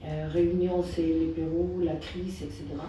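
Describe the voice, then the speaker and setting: A woman with a low, soft-edged voice speaks to a meeting with a foreign, Peruvian Spanish accent in her French. She hesitates and searches for words as she goes. The recording is very echoey and picked up from far off. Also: level tone, moderate pace. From Peru. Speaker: grassroots activist giving a talk. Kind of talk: informal public political talk. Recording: distant mic, echoey room, faint noise.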